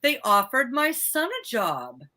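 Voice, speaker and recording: A woman's voice: high voice, sing-song, measured pace, a crowd in the background. A woman in her forties talking in casual chat, emphatic and ranting, full of opinions.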